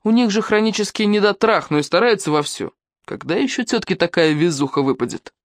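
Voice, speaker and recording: A woman's voice: medium pitch, animated, a little fast, no room sound, clean studio sound, pitched above the performer's own voice, close to an everyday voice. A woman voicing a crude, swaggering young man in an audiobook, in a mocking tone. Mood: leering.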